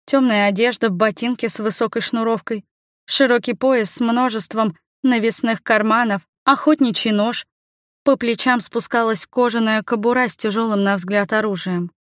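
A woman narrates a first-person fantasy audiobook in an even, measured reading. Her voice sits fairly high, and the close studio sound is completely dry. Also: dry recording.

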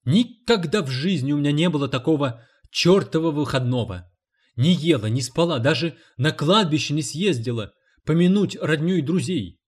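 A man putting on a shrill indignant cleaning woman. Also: lively intonation, moderate pace, breathy edge. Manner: shrill, exclaiming, scolding.

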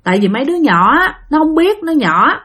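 A woman's voice: sits high, very animated, a little fast, fairly bright tone, pitched above the performer's own voice. A woman voicing an anxious older village grandaunt who pleads before an altar and orders the children about. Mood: pleading. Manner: pleading, then sharply ordering.

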